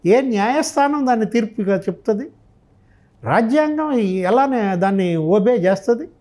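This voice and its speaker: At a normal pace, a man with a mellow, high-pitched, expressive voice offers passionate political commentary. He hammers his points with emphasis and rhetorical questions, and re-enacts remarks made by others.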